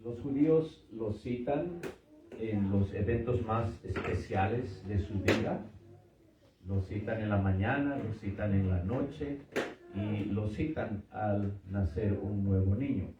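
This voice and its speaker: A man's voice: lowish voice, slow, background noise. A middle-aged man teaching a church seminar, patiently repeating words and checking in with his listeners. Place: church hall with audience. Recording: echoey hall from far off, dull.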